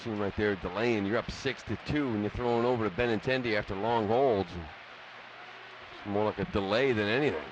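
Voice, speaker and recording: An American man working as a baseball color commentator offers conversational analysis on a live radio broadcast from a stadium booth. His voice is lowish and fairly quick, and the muffled audio is filled with loud ballpark noise.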